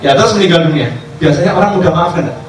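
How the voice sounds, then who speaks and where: A man, a religious teacher telling stories in a sermon, acting out dialogue in lively voices. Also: sits high, rapid-fire. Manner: animated storyteller acting out dialogue. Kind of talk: sermon storytelling. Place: cafe gathering. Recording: echoey distant room recording, faint background noise.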